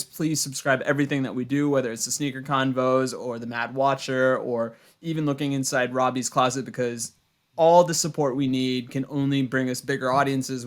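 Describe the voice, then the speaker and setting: Earnest man making a podcast appeal. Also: medium pitch. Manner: earnest, pleading appeal to listeners. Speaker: podcast co-host. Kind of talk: casual chat.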